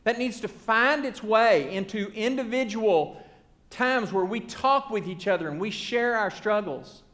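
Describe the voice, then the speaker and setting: A man preaching from the pulpit in a notably high voice. He builds his points through earnest, rhythmic repetition. He often lets a phrase sink down to a soft hush at its close. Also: measured pace. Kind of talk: sermon.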